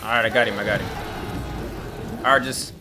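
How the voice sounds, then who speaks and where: A man giving excitable, profane, joking commentary while playing a game, with game music and gunfire mixed in. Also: fairly low pitch, brisk, background noise. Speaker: gamer. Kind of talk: gameplay commentary.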